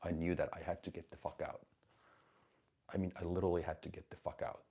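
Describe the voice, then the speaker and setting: A man in his forties talks live to his viewers with a very low, gravelly voice. His tone is rough and husky, and he coaches bluntly and emphatically, swearing now and then. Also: level tone, fast talker, mellow. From Finland. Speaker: host of a live stream. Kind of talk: casual live-stream talk answering chat questions.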